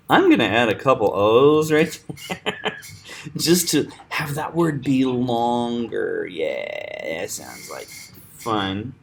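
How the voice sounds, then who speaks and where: A man with a lively, swinging voice walks viewers through a screen-recorded tutorial, chatty and quick to laugh. He teaches like an acting coach, pitch rising and falling as he points things out. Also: creaky. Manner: animated, chatty, laughs often.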